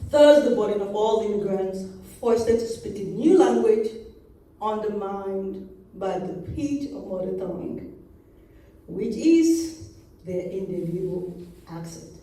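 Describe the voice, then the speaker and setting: Woman in her 40s, Yoruba accent, slow measured poetry reading, very echoey hall, distant mic. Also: medium pitch, lively intonation, warm tone. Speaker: poet. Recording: very echoey room, mic far off.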